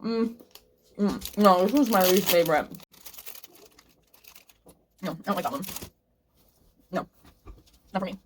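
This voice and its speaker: A woman's voice: medium pitch, animated, measured pace, long pauses, slight background noise. A woman book vlogger chatting casually to camera and thinking aloud with restarts, eating snacks between sentences. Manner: eating snacks while talking.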